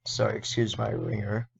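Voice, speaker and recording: A man explaining an animation as a casual tutorial, thinking aloud and correcting himself, his voice a little hoarse. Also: fairly low pitch, noisy background. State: slightly hoarse. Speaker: indie game developer and animator. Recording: dull lo-fi recording.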